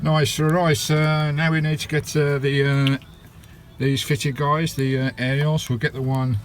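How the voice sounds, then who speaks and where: A slightly high voice, a bit slow and flat in delivery, comes with a little hiss or hum on the handheld camera mic. The speaker, an English vlogger, still talks to viewers in a chatty, colloquial, matey way as he works on a radio installation in and around his parked campervan.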